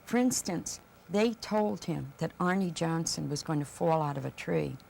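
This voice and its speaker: A woman's voice: deep voice, expressive, normal speed, gravelly, a little mellow, a little hiss or hum. A woman being interviewed as a paranormal investigator, earnestly telling events and repeating words as she goes. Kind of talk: interview storytelling.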